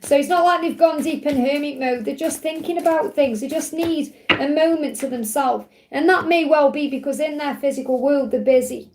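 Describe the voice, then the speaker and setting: A middle-aged woman with a slightly croaky voice, giving a live tarot love reading in a reassuring, repetitive way. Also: high voice, normal speed, few pauses, a little mellow, slight background noise. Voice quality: slightly croaky when hot. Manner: reassuring, repeats points in parallel phrases. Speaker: tarot reader, live show host.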